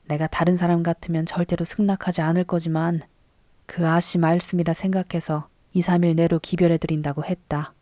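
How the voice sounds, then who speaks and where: A woman's voice: fairly low pitch, dark tone, no echo, clean studio sound, lightly acted. A woman reading the part of a strict older male Buddhist abbot who lectures a young novice. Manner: strict, admonishing.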